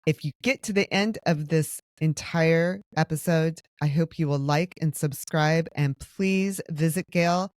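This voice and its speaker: A woman hosting a podcast, introducing her guest and asking gentle questions. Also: low voice, unhurried, hardly any pauses, no echo, studio quality. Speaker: podcast host. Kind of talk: podcast interview.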